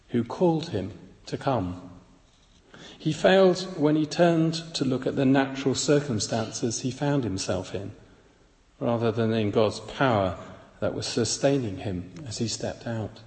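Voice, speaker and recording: A man giving a devotional Bible reflection in a measured, reflective way, recorded with an echoey hall reverb. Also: medium pitch, animated, a little mellow. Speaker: preacher.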